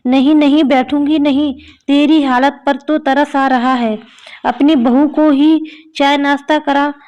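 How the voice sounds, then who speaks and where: A meddling older neighbour aunt from a spoken storybook, scornful and gossipy, voiced by a woman narrator. She scolds in a high voice at an unhurried pace. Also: fairly even intonation, darkish tone, muffled recording.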